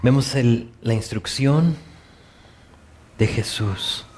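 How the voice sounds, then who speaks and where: A male pastor with a Mexican Spanish accent delivers a sermon at a very unhurried pace. His voice sits at an ordinary middle pitch, and he leans into gentle, compassionate questions. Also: slight background noise. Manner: slow, deliberate preaching with soft, compassionate questions.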